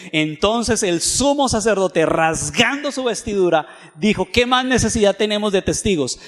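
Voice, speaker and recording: High-voiced man teaching in reverberant hall. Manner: asks the audience frequent questions; reads scripture aloud, slowing on verses. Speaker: theology seminar lecturer. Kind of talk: Bible teaching lecture.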